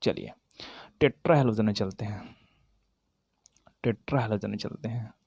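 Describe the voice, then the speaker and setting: A man's voice: lowish voice, moderate pace, vocal fry, a little mellow, husky, no echo. A man teaching a chemistry lesson to students, talking directly to them, asking and then answering his own questions, and correcting himself as he goes. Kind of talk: classroom-style lesson, explaining while writing.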